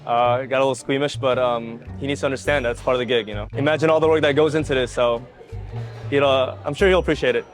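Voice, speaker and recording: Faint music plays behind a man from the Philippines, an executive chef who is casually teaching a novice to clean fish in a restaurant kitchen. He speaks fast in a steady, mid-range voice, with a blunt, teasing style.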